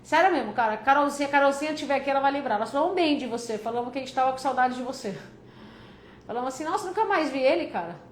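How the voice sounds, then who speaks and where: This is a woman with a São Paulo accent and a high voice, hosting a relaxed live stream about getting out of debt. She talks to her viewers warmly and familiarly, joking as she answers their questions. Her voice rings in a reverberant room with a faint hum of noise behind it. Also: quick pace. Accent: São Paulo Brazilian Portuguese. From São Paulo, Brazil. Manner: chatty and joking, calls viewers "filha" and "cara".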